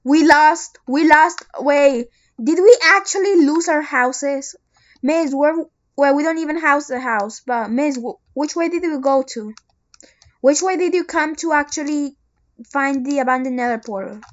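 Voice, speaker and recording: Excitable gamer, squeaky high voice, casual co-op commentary, muffled low-quality mic. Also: a little slow. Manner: excitable, calls out to teammates. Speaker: gamer playing with friends. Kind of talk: casual let's-play commentary.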